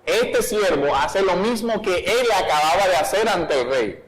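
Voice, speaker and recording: Slow, deliberate preaching pastor. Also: male voice, high voice, expressive, a crowd in the background, low-quality recording. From Colombia. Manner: reads scripture aloud within the sermon. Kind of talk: expository sermon. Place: church.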